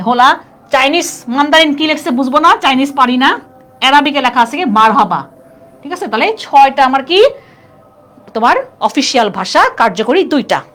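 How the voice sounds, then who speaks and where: An animated woman with a high, slightly bright voice teaches a live online class at a moderate pace. She keeps it chatty and keeps asking her students questions.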